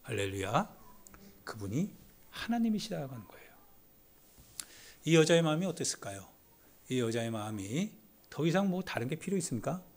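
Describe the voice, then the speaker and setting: A male pastor preaching a sermon with strong emotion, dropping to hushed whispers and rising to loud exclamations, repeating phrases for emphasis. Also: mid-range voice, very animated, normal speed, long pauses.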